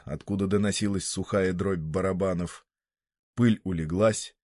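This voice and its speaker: A man reading a story aloud in a measured, even storytelling manner. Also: fairly low pitch, no echo, studio quality. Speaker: narrator. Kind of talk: scripted narration of a story.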